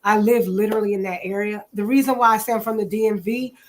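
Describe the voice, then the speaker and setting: A woman's voice: mid-range voice, steady tone, fast talker. Chatty woman in her forties. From New Jersey. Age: 40s. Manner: chatty, many ums, says "literally" often. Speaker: guest. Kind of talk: casual interview self-introduction.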